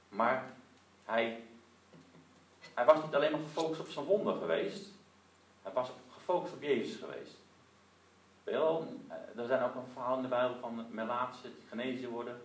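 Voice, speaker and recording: A man preaching a sermon to listeners at home, telling the story lively with many rhetorical asides and closing in prayer. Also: medium pitch, normal speed, long pauses. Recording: roomy echo, distant mic, faint noise.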